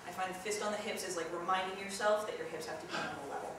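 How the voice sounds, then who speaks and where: A young woman leads an acting workshop, speaking rapid-fire at medium pitch as she chats through tips and jumps into loud, yelled demonstrations. A distant camera mic catches her from across a large echoey room, so there's heavy echo, with a steady hiss of noise underneath.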